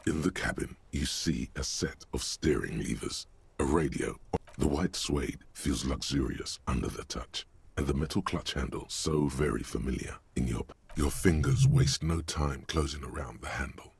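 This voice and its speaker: A very deep, husky male inner voice from a video game, smug and needling as it narrates the detective's every move. It sounds low and rough-edged throughout. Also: moderate pace, dry recording, heavily acted. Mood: narrating. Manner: sardonic, needling.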